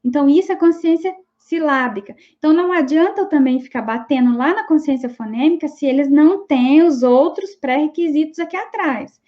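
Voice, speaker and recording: A high-pitched woman teaches an online class. She explains step by step and keeps checking that her listeners follow. The audio is a little dull and lo-fi. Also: a little fast, few pauses. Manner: explanatory, frequent checking tags like "tá bom?".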